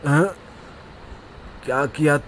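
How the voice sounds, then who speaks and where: Guy voicing a bumbling village elder in a cartoon, full of himself, slow and a bit high. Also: fairly bright tone, slight background noise. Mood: boastful. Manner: scolding, rambling, full of himself. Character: boastful bumbling village elder, male, middle-aged. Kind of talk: animated cartoon voice acting.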